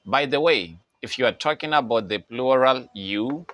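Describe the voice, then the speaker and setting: A man teaching an English grammar lesson, slowly repeating each phrase for learners. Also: medium pitch, fairly bright tone. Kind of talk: slow, deliberate grammar lesson.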